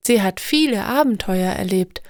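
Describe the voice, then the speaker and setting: A woman narrating stories for language learners in a slow, clear, deliberate scripted reading. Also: medium pitch, lively intonation, no echo, studio quality.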